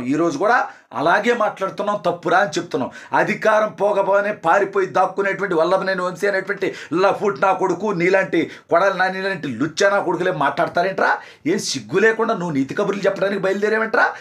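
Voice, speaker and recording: A man delivering an angry political rant, hurling insults and rapid-fire accusations. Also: high voice, fairly bright tone. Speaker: political party supporter.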